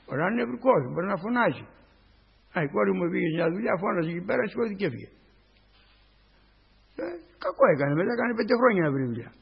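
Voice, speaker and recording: An older male priest preaching a sermon with a raspy voice, punctuating it with repeated doxologies. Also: sits high, big pitch swings, long pauses. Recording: dull lo-fi recording with long reverb.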